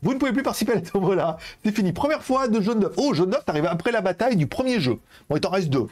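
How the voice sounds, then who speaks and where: This young man's voice sits high, and he talks fast with lively intonation and a slightly mellow tone. While running a live-stream giveaway, he rambles informally to his viewers, addressing them directly and using lots of fillers.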